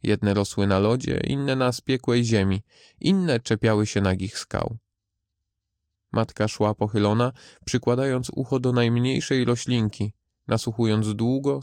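Man calmly reading a fairy tale. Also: fairly low pitch, dry recording, studio quality. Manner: steady, unhurried reading. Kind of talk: storybook narration.

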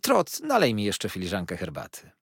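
A man's voice: lowish voice, huge pitch swings, normal speed, gravelly, slightly rough, dry recording, full character voice. A man reading an audiobook voices a stern, brusque older aunt who speaks in a dry, commanding way.

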